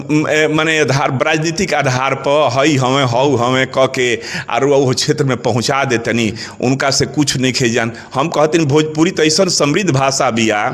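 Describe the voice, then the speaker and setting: Man, Bhojpuri accent, middle-aged, higher voice, passionate, rhetorical questions. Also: a bit bright. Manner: emphatic, rhetorical questions, rises in pitch when stressing points. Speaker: interviewee advocating for Bhojpuri. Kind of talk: passionate conversational interview.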